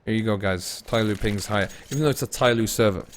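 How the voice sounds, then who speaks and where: Commentating solo on a live game stream at a quick pace, a man mixes play-calling with casual chat to viewers, swinging between excited and low-key delivery. Game gunfire and clicks make the recording noisy.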